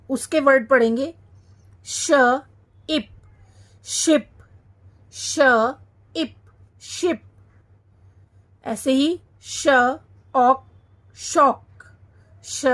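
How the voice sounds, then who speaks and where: A woman teaching a children's phonics lesson, sounding out each syllable slowly and repeating every word. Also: high voice.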